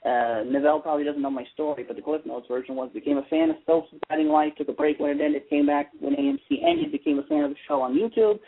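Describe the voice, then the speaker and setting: Heard over a phone line, an American guest commentator and soap opera fan talks casually on a radio show. His fairly high, creaky voice moves fast with lively intonation and few pauses as he rambles opinionatedly, hammering home his points.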